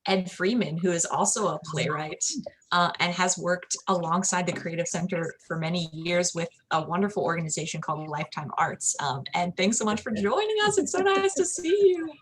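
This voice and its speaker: A woman with a somewhat low voice hosts an online gathering. She sounds upbeat and welcoming. The sound comes through a video call. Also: animated, a little fast, fairly bright tone, husky. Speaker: event host.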